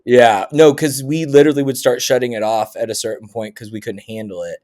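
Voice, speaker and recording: A man's voice: mid-range voice, steady tone, fairly quick, darkish tone. A man from Oklahoma guest-hosting a casual podcast, telling rambling stories with many restarts. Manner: rambling storyteller, lots of restarts and laughs. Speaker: guest co-host.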